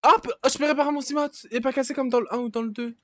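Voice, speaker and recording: A man's voice: very high-pitched, fairly even intonation, racing, no echo, studio quality. A young man streaming a game, talking to himself as he plays, breaking into panicky yelps and curses. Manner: panicky yelps and shouts, swearing, talks to himself. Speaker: gaming streamer. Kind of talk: casual let's-play commentary.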